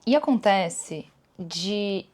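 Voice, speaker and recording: Speaking very slowly in an expressive, slightly mellow mid-range voice, this Brazilian podcast host talks to her audience alone. She's chatty and thoughtful, addresses them as "gente," and performs bits of her own inner dialogue.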